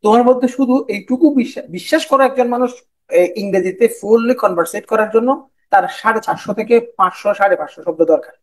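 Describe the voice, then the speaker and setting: A BCS viva coach with a Bangladeshi Bengali accent gives an online lecture in a high, fast voice. The poor audio carries some hiss or hum, and he often repeats himself and mixes in English.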